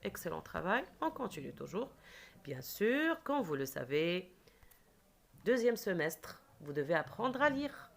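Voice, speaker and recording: A woman teacher leading a reading lesson for children, speaking slowly and clearly and stretching out words. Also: fairly low pitch. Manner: slow, clear, lively teacher voice, drawing out words.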